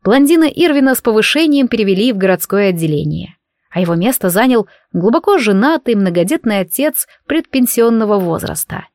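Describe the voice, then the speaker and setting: Woman narrating an audiobook, lively and ironic. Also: mid-range voice, brisk, no room sound, studio quality.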